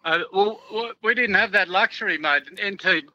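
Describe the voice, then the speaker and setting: A man's voice: high voice, normal speed, bright, forceful tone, lo-fi sound. An Australian man as a podcast guest, chatting in a laid-back, friendly way. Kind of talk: casual chat.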